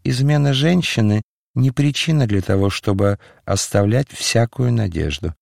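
A man voicing a mysterious male stranger who speaks calmly, dispassionately and with faint mockery. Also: mid-range voice, normal speed, gravelly, dry recording, studio quality. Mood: calm, solemn. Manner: calm, dispassionate, faintly mocking. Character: mysterious calm male stranger, cryptic and mocking.

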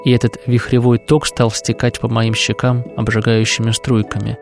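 A man's voice: medium pitch, little pitch movement, normal speed, creaky. Man reading prose evenly over music. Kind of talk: read-aloud literary quotation.

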